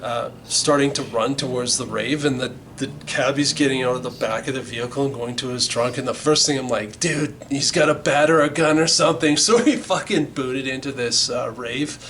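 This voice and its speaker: A man's voice: mid-range voice, moderate pace, hardly any pauses, fairly bright tone, slight background noise, poor audio. A middle-aged man casually telling a band story, rambling and swearing a lot with many restarts. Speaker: band member recalling the band's origins. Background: music.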